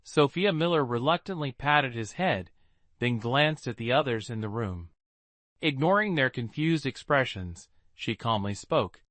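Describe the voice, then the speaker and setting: Expressive man reading a story. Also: medium pitch, unhurried, no room sound. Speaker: narrator. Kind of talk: scripted story narration.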